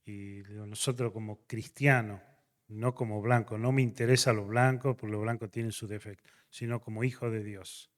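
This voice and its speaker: A man's voice: lowish voice, fairly even intonation, moderate pace, few pauses, long reverb tail. A man, a missionary pastor, telling his testimony to a class and acting out the dialogue as he goes.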